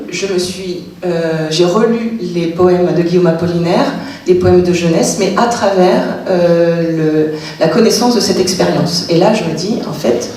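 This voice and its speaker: Speaking at a public literary talk in a cultural centre hall, this woman author has a fairly low, darkish voice. She hesitates a lot, using many fillers and restarts, and the audio is echoey and captured from far away.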